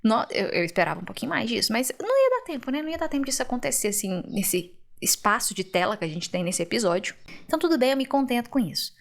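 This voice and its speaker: A woman recaps a TV episode in a casual, chatty vlog. She is animated and turns often to her viewers. Her voice sits somewhat high for a woman. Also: fast, gravelly. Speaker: TV series reviewer.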